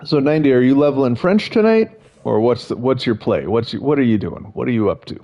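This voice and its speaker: A young male gaming streamer chats casually with his stream chat while he plays, rambling and amused at himself. His mid-range voice is animated and a little fast. The recording sounds slightly dull, with faint game noise behind him.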